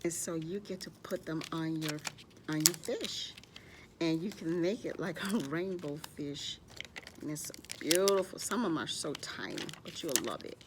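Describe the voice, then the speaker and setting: A low-pitched woman speaking at normal speed hosts a children's library storytime, sharing stories and crafts with young children and often talking about herself in the third person. Background noise can be heard.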